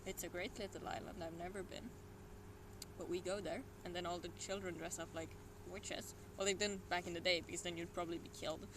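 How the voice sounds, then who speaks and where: A livestreamer from Sweden with a Swedish accent rambles through casual solo stream chat, meandering along with muttered and whispered asides. The mid-range voice is flat in delivery and brisk, set against noisy ambience.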